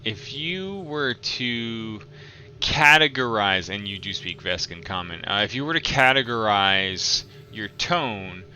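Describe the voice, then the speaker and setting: A man narrating a tabletop game as game master, improvising descriptions in a halting way. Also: fairly low pitch, lively intonation, bright, forceful tone, dull audio, slight background noise.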